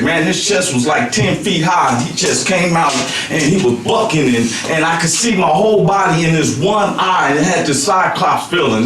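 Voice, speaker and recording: A man telling a stand-up story with animated, profane delivery and shouted bursts. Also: on the high side. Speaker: stand-up comedian. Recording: echoey room, far from mic, noisy.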